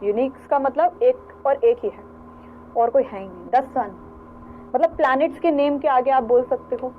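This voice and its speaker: A woman teaching English grammar to students in Hindi, with Indian-accented English examples, repeating words slowly and checking in with "theek hai". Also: sits high. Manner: addresses students as "beta". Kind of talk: recorded grammar lecture. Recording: tinny phone-like sound with faint hiss.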